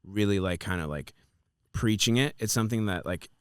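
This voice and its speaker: A man's voice: on the low side, a little fast, clear, resonant tone, dry recording, studio quality. A man in his twenties hosting a podcast, chatting casually and rambling with lots of fillers and swearing. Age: 20s. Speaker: podcast host.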